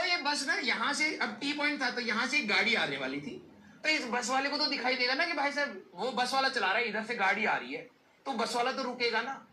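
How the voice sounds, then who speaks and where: Bright-voiced teacher telling a story. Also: male voice, high-pitched. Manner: lively, joking, mixes English phrases. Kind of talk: casual storytelling to students. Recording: roomy echo, faint background noise.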